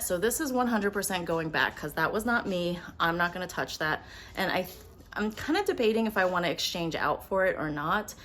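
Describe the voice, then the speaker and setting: Woman, low-pitched, casual haul vlogger; quick, upfront delivery at home with faint background noise. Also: a bit bright. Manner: chatty, upfront, talking quickly to camera. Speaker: beauty vlogger. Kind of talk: casual product haul vlog. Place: at home with windows open. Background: faint household noise, dog walking around.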